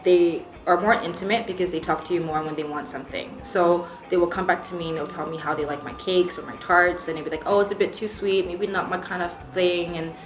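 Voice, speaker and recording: Brisk and with few pauses, a young woman speaks in a steady, lowish voice. She's a Singapore-born baker with an American accent who chats through an interview, laughing readily and using many ums, recorded in an echoey room with background music.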